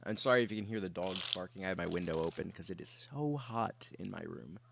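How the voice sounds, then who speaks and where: Speaking fast in a low, gravelly, fairly bright voice, this young man rambles to his livestream audience from his bedroom. He's sick, so coughs and throat clearing break in, and he leans on lots of fillers. A slight hiss or hum sits under the audio.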